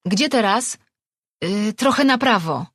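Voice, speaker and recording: A man's voice: high voice, lively intonation, unhurried, husky, dry recording, studio quality, heavily acted. A man voicing a young woman explorer, a cautious thinker in a cave story, speaking earnestly and calling out urgently.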